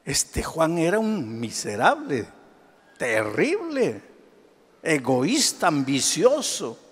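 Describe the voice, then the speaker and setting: A man pastor preaching a sermon, firing off rhetorical questions and swinging between hushed asides and loud exclamations. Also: on the high side, huge pitch swings, slow, husky, in a large hall.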